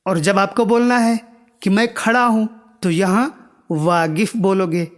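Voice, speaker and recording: A man's voice: high-pitched, steady tone, long reverb tail. A man teaching words of a language to viewers, patiently repeating each word and checking that they understand. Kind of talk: spoken language lesson.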